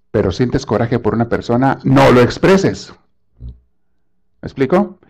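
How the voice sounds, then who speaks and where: Male preacher, sermon delivery, punchy and animated. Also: mid-range voice. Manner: emphatic, rhetorical questions, scolding.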